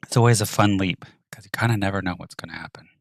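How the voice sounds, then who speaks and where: Male streamer, deep voice, close and dry, muttering commentary while he works. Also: fast talker, no echo. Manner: thinks aloud, muttering and whispering to himself. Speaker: 3D artist streaming his work. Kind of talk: live-stream narration of work.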